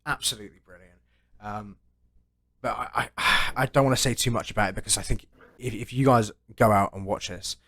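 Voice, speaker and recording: A man talks in a low voice, recorded close and dry with almost no room sound. He rambles through long stories, tacking "right?" onto his sentences and swearing casually. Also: fairly quick, pushed and bright, no echo. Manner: swears freely. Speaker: podcast co-host. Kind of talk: casual chat.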